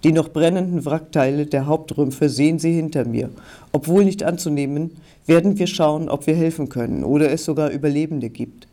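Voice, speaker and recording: A man's voice: on the high side, moderate pace, warm tone, natural voice. A man reading the part of a female TV reporter who speaks formally to the camera. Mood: reporting. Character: composed adult female TV reporter at a crash site.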